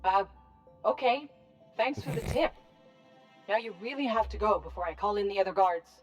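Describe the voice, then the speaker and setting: A woman's voice: mid-range voice, animated, moderate pace, soft background music, close to an everyday voice. An actress playing an officious female guard in a video game who speaks in a curt, demanding way. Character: brusque female guard, officious and easily rattled.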